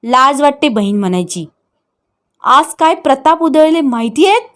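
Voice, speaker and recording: A furious, contemptuous brother barking harsh scolds, as a woman narrator puts him on. The voice stays fairly high and unhurried in the telling. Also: lively intonation, fairly bright tone. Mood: angry.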